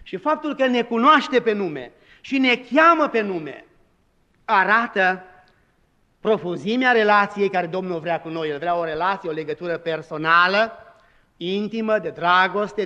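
A man's voice: high-pitched, bright, forceful tone, in a large hall, highs cut off. A man preaching a sermon as pastor, with emphatic delivery and dramatized quoted lines.

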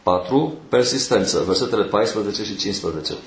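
A man preaching a sermon, moving slowly through numbered points with pauses between phrases. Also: lowish voice, animated, roomy sound, poor audio.

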